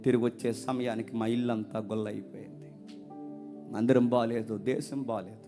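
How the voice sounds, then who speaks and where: A male pastor giving a sermon, swinging between loud emphatic lines and low hushed ones. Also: flat delivery, normal speed, over music.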